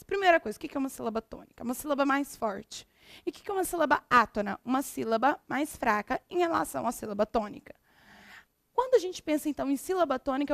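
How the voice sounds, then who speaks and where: A Brazilian woman teaching a recorded lesson in a high, lively voice that rises and falls a lot. She explains step by step and answers her own questions. The sound is dry and close. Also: no echo. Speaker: Spanish teacher.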